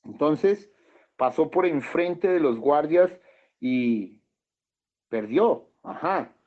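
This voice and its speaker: A man's voice: on the high side, expressive, very slow. A male pastor with a Colombian accent, preaching a sermon as he reads passages aloud and comments on them. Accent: Colombian Spanish. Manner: reads quotes aloud, then comments with chuckles and questions. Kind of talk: sermon reading and commenting on scripture. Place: church hall. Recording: dull lo-fi church recording.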